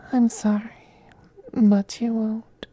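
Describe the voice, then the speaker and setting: Playing a possessive, teasing femboy vampire in an intimate ASMR roleplay, a man speaks softly and breathily, often whispering with coaxing, condescending tenderness. His voice sits high with little pitch movement, very slow and exaggerated, carrying a mood of tender menace.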